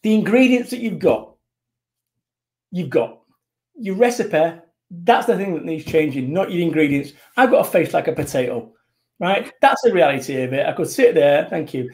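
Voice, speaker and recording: High-pitched, punchy English motivational speaker. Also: male voice, expressive, normal speed. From England. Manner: blunt, punchy and forceful, acts out whiny quotes. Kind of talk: energetic motivational interview talk. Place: live online broadcast.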